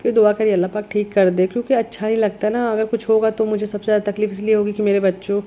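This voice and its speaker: A middle-aged woman with a cold, talking earnestly in a casual vlog, her voice heavy and hoarse. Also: flat delivery, quick pace, mellow. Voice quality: heavy, low-sounding voice. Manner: earnest, reflective, rambling. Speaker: vlogger.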